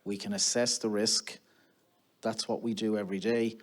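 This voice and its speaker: Irish male panelist, low-ish voice, earnest and deliberate delivery. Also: flat delivery. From Ireland. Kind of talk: round-table panel talk.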